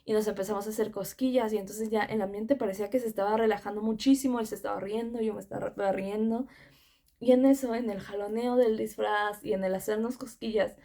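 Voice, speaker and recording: Gravelly young Mexican woman, earnest. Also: medium pitch, dark tone. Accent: Mexican Spanish. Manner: earnest, conversational storytelling. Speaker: author telling her own story. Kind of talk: personal testimony.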